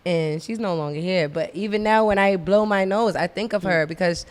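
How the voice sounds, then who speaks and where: A woman co-hosting a casual podcast talk with a slightly low voice, laughing easily and circling back over her words. Her voice carries a long reverb tail from the room. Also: normal speed. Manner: laughs often, talks in repeated restarts. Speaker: podcast co-host.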